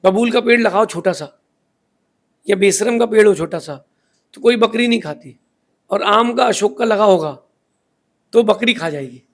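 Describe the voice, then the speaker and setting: A man's voice: sits high, moderate pace, long pauses. A man giving a sermon in a preachy storytelling manner, asking rhetorical questions as a spiritual teacher.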